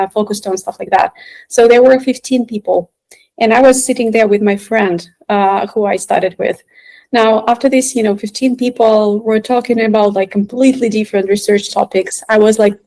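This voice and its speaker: A woman's voice: mid-range voice, darkish tone. A woman telling her story casually in an interview, in an informal, chatty way. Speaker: software engineer, interview guest.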